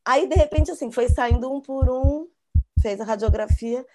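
A woman's voice: high voice, normal speed, background noise. A Brazilian woman in her forties, a podcast co-host, telling a story in casual chat and acting out her own panic. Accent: Brazilian Portuguese. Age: 40s.

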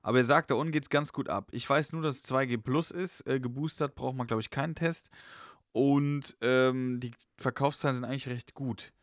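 A young man on a casual podcast, an animated storyteller who acts out quoted dialogue. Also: medium pitch, normal speed, no echo, clean studio sound. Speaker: podcast co-host and comedian.

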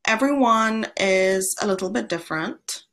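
A young woman from Trinidad and Tobago, a guest on a podcast interview who talks in a friendly, animated way with frequent ums. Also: mid-range voice, a little slow. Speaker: guest, founder of an online platform.

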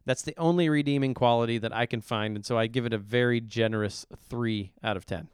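A man's voice: mid-range voice, fairly quick, clean tone, no echo, clean studio sound. A middle-aged man co-hosting a podcast, giving blunt, opinionated song reviews in casual chat. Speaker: podcast co-host reviewing songs.

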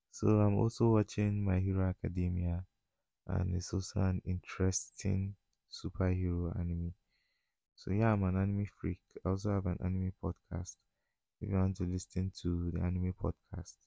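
A man's voice: low voice, vocal fry, warm tone, no echo, lo-fi sound. A man with a Nigerian accent chats casually as a solo podcast host, in informal, slangy speech that often slips into Pidgin.

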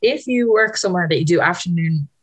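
A woman's voice: lowish voice, expressive, brisk, breathy edge. A young Irish woman co-hosting a podcast, chatting casually, swearing and acting out quotes. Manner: chatty, swears, quotes people in put-on voices. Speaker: podcast co-host. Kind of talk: casual chat.

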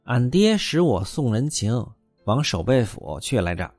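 Guy playing a sly young servant boy, smooth-talking, soothing, dry sound with faint music. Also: mid-range voice, big pitch swings, unhurried, a little mellow, dry recording. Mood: evasive. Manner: coaxing, placating. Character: clever, tactful young male servant.

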